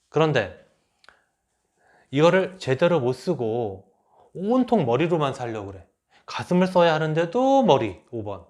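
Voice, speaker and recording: Lively male lecturer acting out examples. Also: a little high. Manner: lively, acts out quoted remarks. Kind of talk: enneagram lecture.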